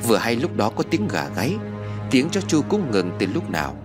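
A man narrating a ghost story with dramatic, measured pacing. His pitch moves lively through each line, and clear background music runs under the narration.

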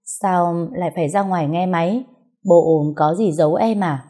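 A woman's voice: fairly low pitch, moderate pace, dark tone, lightly acted. A woman reading the lines of a suspicious, scornful young wife in a storybook tale. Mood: snippy. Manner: prying, scornful.

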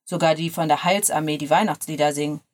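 Woman voicing an easygoing young male lawyer; drop the pitch a little, keep it soft and relaxed. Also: quick pace, close to an everyday voice. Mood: teasing. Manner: lower, softer, relaxed murmur.

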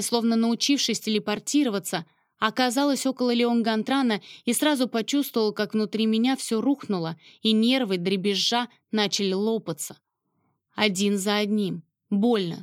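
A woman's voice: on the high side, dry recording, studio quality. A woman narrating a first-person romance novel with emotional, dramatic storytelling. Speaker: audiobook narrator.

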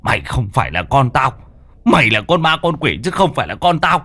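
A man's voice: mid-range voice, very animated, fairly quick, no room sound, pitched above the performer's own voice. Man doing a stammering frightened old father. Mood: fearful. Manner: stammering, fearful, shouting back. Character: frightened older father clutching a Buddha statue.

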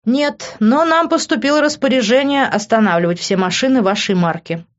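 A woman's voice: fairly high pitch, normal speed, lo-fi sound, pitched above the performer's own voice, lightly acted. A woman reading an audiobook, voicing a polite, formal male police officer.

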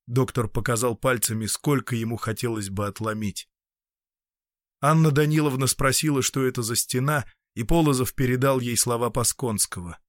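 A man reading a classic story aloud as an audiobook narrator, even and measured, close to the mic. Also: mid-range voice, no room sound.

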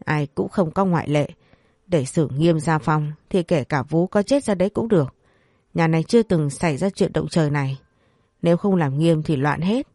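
A woman's voice: sits low, moderate pace, mellow, no room sound, clean studio sound. A woman voicing an elderly head of a noble household in a storybook drama, speaking with stern, clipped authority.

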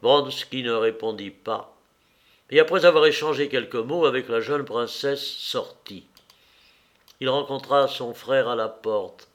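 Male audiobook narrator, mid-pitched, very slow measured reading of a classic novel. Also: a bit bright. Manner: measured and deliberate.

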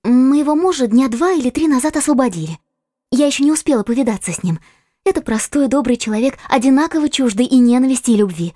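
A man voicing a devoted, eager young maid in a fervent, earnest falsetto for a storybook audiobook. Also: expressive, quick pace, dark tone, dry recording, clean studio sound. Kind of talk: audiobook character voice.

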